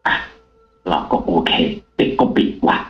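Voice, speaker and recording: A man, a taxi driver, telling a ghost story in a casual, animated way on a live show. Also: a little slow, roomy sound, dull audio, faint music behind. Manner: animated, acts out the quoted lines himself.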